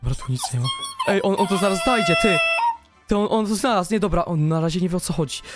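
A young man giving excited gameplay commentary, full of rapid exclamations and swinging between hushed talk and shouts. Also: high-pitched, soft background music. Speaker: gaming YouTuber.

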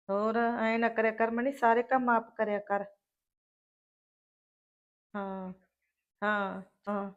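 A woman's voice: fairly high pitch, a bit bright, highs cut off. A woman with a Malwai Punjabi accent playing a chatty, earnest young village daughter-in-law in a comic skit.

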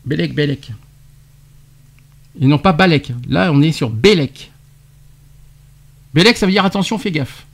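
Un animateur de radio qui interroge son invité en expliquant de l'argot, avec entrain et des rires. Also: male voice, fairly high pitch, expressive, moderate pace, pauses often. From France. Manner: quizzing, explaining slang terms with laughs. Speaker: radio show host. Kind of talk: radio debate segment.

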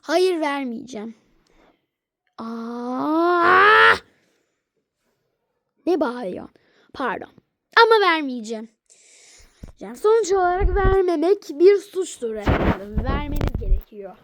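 A woman's voice: sits high, sing-song, normal speed, a little mellow, dry recording, studio quality. A woman voicing several toy characters in a homemade skit, trading stubborn back-and-forth bickering. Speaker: toy adventure voice performer.

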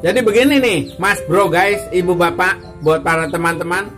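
A man's voice: high voice, normal speed, over music. A man vlogging casually with tips for beginner YouTubers, joking and repeating his phrases as he addresses viewers. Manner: jokey, repeats phrases, greets viewers as bro, guys, ma'am, sir. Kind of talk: casual chatty vlog.

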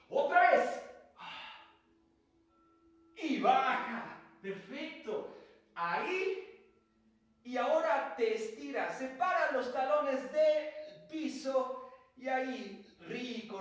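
A man's voice: very high-pitched, heavy reverb, low-quality recording. A man leading a live online exercise class from home, upbeat and playful, chatting with slang as he counts out moves. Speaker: fitness instructor. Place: home room.

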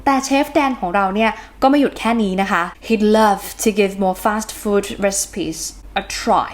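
A woman's voice: mid-range voice, slow pace, soft background music. A woman hosting a casual English vocabulary lesson, chatty and switching between Thai and English words as she explains. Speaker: English teacher and host. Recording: noisy recording with background noise.

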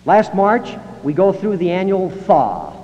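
A man delivers an emphatic public speech in a high school hall and acts out the voices he quotes. His voice sits somewhat high for a man. The long reverb of the hall and the dull sound of 1960s analog tape surround him. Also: sing-song, measured pace, mellow. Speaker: speaker.

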